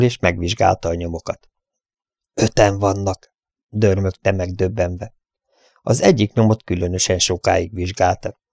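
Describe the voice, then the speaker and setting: Male audiobook narrator, low and gravelly, steady storytelling, dry close mic. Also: no echo. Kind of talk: audiobook narration of an adventure novel.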